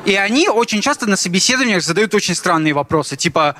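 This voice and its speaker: A man's voice: big pitch swings, fast, bright, forceful tone. A man in his twenties performing a stand-up comedy set, telling stories in casual slang and imitating others. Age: 20s. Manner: casual slangy storytelling, mimics others in higher voice. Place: comedy club stage with audience. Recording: noisy live club recording with crowd.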